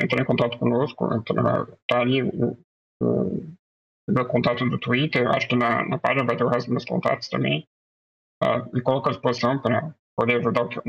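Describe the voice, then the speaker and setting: A man talks as a guest on a podcast, hesitant and modest, leaning on fillers. His voice is gravelly and a little raspy. The sound is dull and lo-fi, as if over a remote call. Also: mid-range voice, fairly bright tone. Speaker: podcast guest, tech executive. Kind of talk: casual closing remarks.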